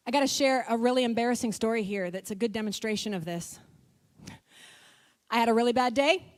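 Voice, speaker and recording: A woman giving a motivational church talk, emphatic and repetitive, with quick bursts of speech. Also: a little high. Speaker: motivational speaker. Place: church hall. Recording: long church hall reverb.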